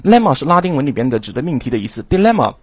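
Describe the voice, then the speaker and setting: A man lecturing students on English vocabulary, animated and exclaiming, often addressing the class directly. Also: medium pitch, very fast, dry recording. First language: Chinese. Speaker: English exam teacher.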